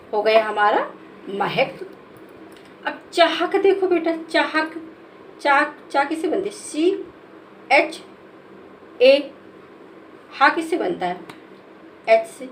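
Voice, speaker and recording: A woman teacher, spelling out words letter by letter in a slow, patient lesson for children. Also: sits high, slight background noise, poor audio. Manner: patient, spells letters one by one, calls listeners "beta".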